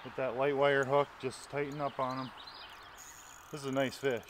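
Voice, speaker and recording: This is a casual outdoor vlog: a fishing vlogger in his thirties talks to the camera on a small river, both on the bank and in a canoe, enthusiastic and chatty as he explains his fishing. His medium-pitched voice has little pitch movement and a normal speed, with slight background noise.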